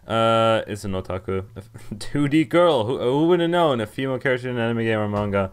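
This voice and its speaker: A young adult game streamer provides casual playthrough commentary from an indoor room on webcam, reading text aloud and stumbling a little along the way. His voice is medium-pitched with lively intonation and a clean tone. His delivery is halting, especially while reading.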